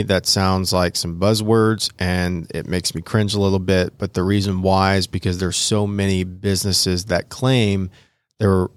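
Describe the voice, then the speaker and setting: A man with a low voice hosts a casual podcast in a dry, close studio sound. His mouth is numb from the dentist, so his words come out a little mumbled. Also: dry recording. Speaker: podcast host.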